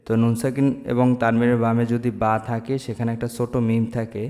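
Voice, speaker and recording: A man teaching Quran reading, spelling out letters and vowel marks slowly and then chanting the words drawn out. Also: mid-range voice, completely flat delivery, darkish tone, in a large hall. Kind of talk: slow spelled-out Quran recitation lesson.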